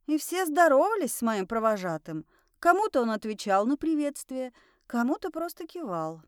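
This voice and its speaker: A woman narrates a first-person audiobook with a lively, wry delivery. Her voice sits a little high and swings widely in pitch. The sound is smooth, clear and dry, close to the mic. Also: normal speed, dry recording.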